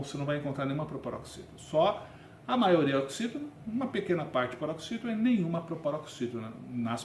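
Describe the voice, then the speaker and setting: A man's voice: on the high side, darkish tone, a little hiss or hum. A man with a Brazilian Portuguese accent teaching a Biblical Hebrew grammar lesson in a conversational, explanatory way, often checking in with his listeners. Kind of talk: recorded online lesson. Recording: echoey room with faint ambience.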